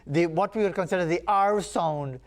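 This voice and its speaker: Man, high voice, TV host, halting speech with restarts. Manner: hesitant, many restarts and fillers. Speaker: morning show host. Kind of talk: live TV interview.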